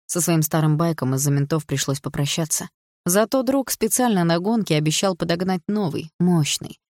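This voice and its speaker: A woman reading an audiobook in an even, storytelling way. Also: fairly low pitch, normal speed, dry recording, studio quality. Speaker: audiobook reader. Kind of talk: scripted narration.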